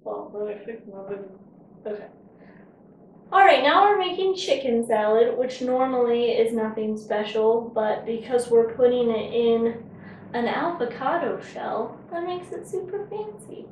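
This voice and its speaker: A woman's voice: on the high side, expressive, a little slow, darkish tone, lo-fi sound, slight background noise. Chatty woman hosting a home cooking show. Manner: chatty, joking, talks with her mouth full. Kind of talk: casual cooking show chat. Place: home kitchen. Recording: echoey kitchen, mic far off.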